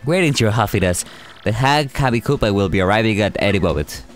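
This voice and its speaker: A man's voice: lowish voice, lively intonation, fairly quick, soft background music, pitched below the performer's own voice, natural voice. A man doing a stammering Koopa minion. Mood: deferential. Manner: stammering, deferential. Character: nervous male Koopa minion underlings. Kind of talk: voicing game dialogue.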